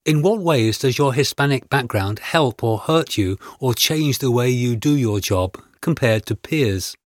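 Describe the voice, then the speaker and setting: A man reading a scripted interview with measured, announcer-like delivery, introducing each extract and asking the questions. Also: medium pitch, lively intonation, dry recording, studio quality. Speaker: interviewer and exam narrator.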